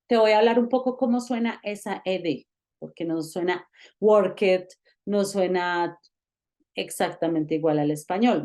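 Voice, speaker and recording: Slow, patient woman teaching. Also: fairly low pitch, warm tone. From Colombia. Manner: patient, explanatory, addresses the learner directly with check-ins. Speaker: English teacher. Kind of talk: online grammar lesson.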